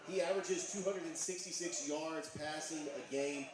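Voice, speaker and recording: A man co-hosts a live sports talk show, laying out stats in a measured way. He sounds far from the mic in a very echoey space, and a chattering bar crowd can be heard behind him. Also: fairly high pitch. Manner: measured, stat-heavy analysis. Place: bar and grill.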